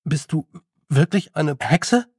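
A man's voice: a little high, animated, slow pace, a little mellow, husky, dry recording, clean studio sound, full character voice. A man voicing a stammering, flustered young noble boy. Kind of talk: audiobook character voice.

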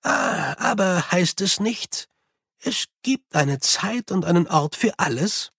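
Old wise sweeper monk, talks slow and soft, dry close mic narrator putting it on. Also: mid-range voice, expressive, creaky, husky, no echo, pitched above the performer's own voice, exaggerated voice. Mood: calm.

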